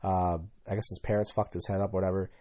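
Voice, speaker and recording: A man's voice: sits low, flat delivery, quick pace, warm tone. A man in his thirties hosting a solo podcast, talking casually and candidly, rambling and tripping over his words as he goes. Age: 30s. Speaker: podcast host.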